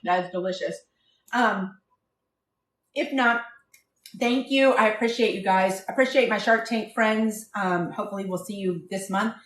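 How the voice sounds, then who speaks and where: A woman's voice: mid-range voice, steady tone, a little slow, a bit bright, roomy sound, distant mic, slight background noise. A woman hosting a live cooking stream from her kitchen, chatting casually and rambling from one tangent to the next. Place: home kitchen.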